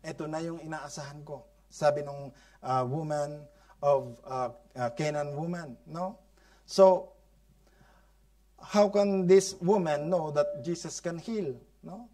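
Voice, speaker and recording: A male pastor with a Filipino accent preaching a sermon, mixing Tagalog and English, often asking the congregation "no?" and "Amen?", swelling loud for emphasis and then dropping soft. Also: slow pace. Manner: switches between Tagalog and English, frequent "no?" and "Amen?" prompts; rises in loudness for emphasis, then drops to soft, low phrases. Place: church congregation.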